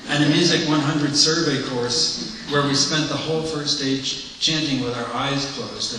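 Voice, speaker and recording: A man's voice: mid-range voice, sharp tone, a little hiss or hum, close to an everyday voice. A man reading the part of an earnest blind man confiding his past to a priest, in a candid, reflective monologue, heard in an echoey hall from far off.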